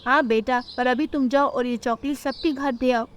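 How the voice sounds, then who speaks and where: A poor, gentle mother bird from a cartoon story, voiced by a woman. Her high voice is soothing and motherly. She speaks patiently to her child. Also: steady tone, normal speed, close to an everyday voice. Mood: tender.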